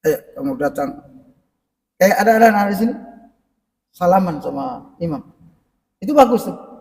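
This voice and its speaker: A man's voice: sits high, animated, normal speed, gravelly, a little mellow. A middle-aged male preacher giving a conversational parenting lecture in a mosque and speaking directly to the congregation. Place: mosque hall. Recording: echoey mosque hall, mic at a distance.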